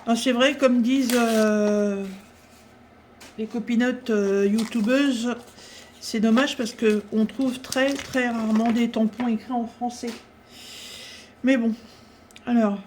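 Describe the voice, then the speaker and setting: A woman chatting casually through a craft-supply haul, talking with many pauses and fillers. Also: a little high, fairly even intonation, darkish tone, slight background noise.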